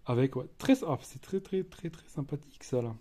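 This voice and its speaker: A man with a French accent giving a casual unboxing commentary as a collector, chatty and halting, with many fillers and restarts. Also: a little high, lively intonation, mellow. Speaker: collector reviewing a disc edition.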